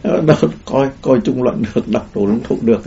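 A man's voice: mid-range voice, a little fast, creaky, warm tone, slight background noise. A man giving a Buddhist dharma talk in a rambling way, with many fillers and restarts. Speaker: Buddhist teacher. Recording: dull lo-fi recording.

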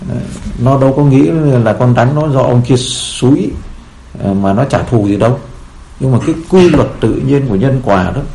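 A man's voice: medium pitch, expressive, moderate pace, creaky, dark tone, slight background noise. A man as a Buddhist teacher giving a sermon, telling stories in a rambling way with many fillers, in a roomy echo.

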